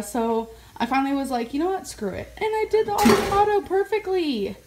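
A woman's voice: on the high side, a little hiss or hum. Giggly woman vlogging on a phone. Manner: chatty, giggly, talks to the camera. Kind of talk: casual vlog chat. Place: parked car, home and store. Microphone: phone camera at arm's length.

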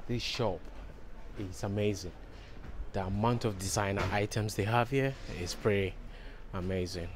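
Holding his camera at arm's length, a forties-aged vlogger chats casually to his audience while shopping, moving between a clothing store and a busy street. He talks at a moderate pace in a fairly low voice, using fillers, amid background noise.

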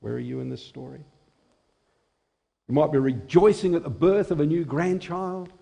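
A man in his sixties preaching a sermon in a small chapel at a lectern microphone, measured and expressive. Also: fairly high pitch, creaky. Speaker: chaplain preaching.

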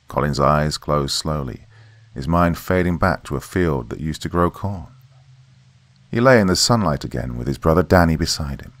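A man narrating a horror story in a steady, measured reading voice. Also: very deep voice, no room sound.

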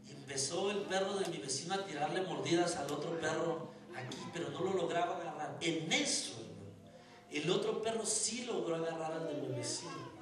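A man, a pastor preaching a sermon and telling stories, moving from soft asides to shouting. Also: on the high side. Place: church sanctuary. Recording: echoey church hall, distant mic, music.

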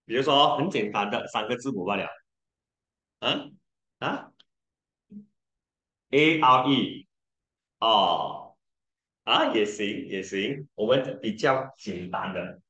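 Slow-talking man teaching pronunciation. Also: lowish voice, expressive, bright, forceful tone. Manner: patient, drawn-out demonstrations of vowel sounds. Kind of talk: tutoring lesson, mixing Mandarin and English. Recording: echoey room.

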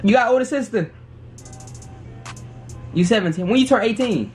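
A man's voice: high-pitched, animated, moderate pace, faint music behind. A young man in his twenties, chatting with strangers on a video app in brash, teasing, slangy banter. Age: 20s. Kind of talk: casual video chat. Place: small room indoors.

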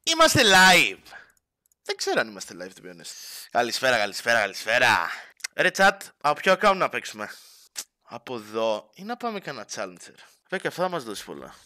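Bright-toned young male streamer, casual. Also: medium pitch, sing-song. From Greece. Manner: casual and teasing, mixing in English slang. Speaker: Twitch streamer. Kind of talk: casual livestream chat to viewers.

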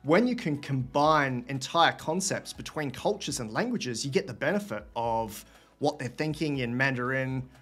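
A man in his thirties, medium-pitched and a bit bright, sounds expressive as he hosts a casual webcam Q&A from home at a normal pace. He reads viewer questions aloud and thinks through his answers as he goes.

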